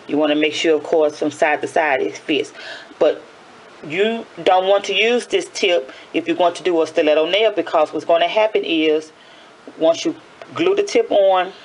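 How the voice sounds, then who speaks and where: Raspy, chatty woman. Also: fairly low pitch, moderate pace, poor audio. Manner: chatty, repeats and self-corrects. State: early-morning raspy voice. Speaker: nail tutorial host. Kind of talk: casual hands-on tutorial.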